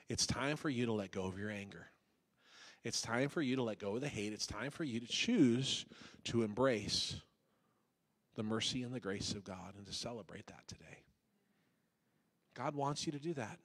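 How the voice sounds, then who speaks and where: A male pastor preaching a sermon, dramatic, swinging from loud urging to hushed pleading and acting out quoted voices. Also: medium pitch. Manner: voices God and Jonah in quoted asides.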